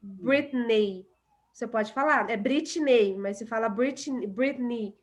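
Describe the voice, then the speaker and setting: Patient Brazilian woman teaching English. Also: fairly high pitch. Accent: Brazilian Portuguese. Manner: patient, repeats example words slowly. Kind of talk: online class explanation.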